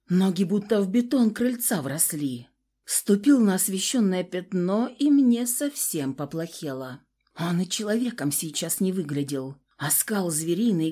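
A woman narrating a first-person audiobook with a dramatic, expressive delivery. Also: mid-range voice.

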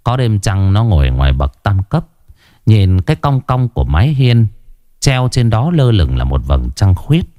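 A man narrating a story in an unhurried, expressive way. His voice sits low but moves freely up and down. The recording is dry and close. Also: no room sound.

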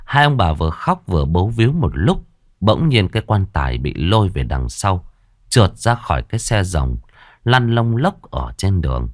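A man narrating a village ghost story in a dramatic, expressive way. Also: sits low, moderate pace, no room sound, clean studio sound. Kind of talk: scripted horror story narration.

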